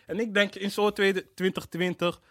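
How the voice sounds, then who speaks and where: A man's voice: high voice, level tone, moderate pace, a bit bright, dry recording. A young man chatting casually in urban Dutch street slang mixed with English words, as a podcast co-host. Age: young adult. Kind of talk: casual chat.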